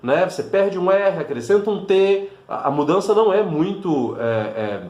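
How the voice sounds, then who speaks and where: A man's voice: sits high, animated, moderate pace, darkish tone, roomy sound. A Brazilian man, a language teacher, explaining patiently to camera and checking in often with his listeners. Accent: Brazilian Portuguese. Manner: patient, with frequent fillers and check-ins like "né?".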